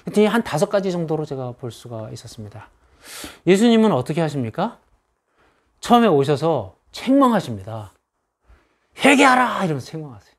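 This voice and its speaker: A man's voice: fairly high pitch, sing-song, fairly quick, dark tone. A man preaching a sermon as pastor, stressing his points by repeating phrases in rising lists.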